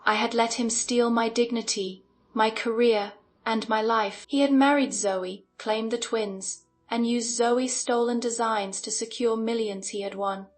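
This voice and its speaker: A woman's voice: a little high, steady tone, unhurried. A woman giving a scripted first-person narration of a dramatic revenge story, in an intense storytelling manner.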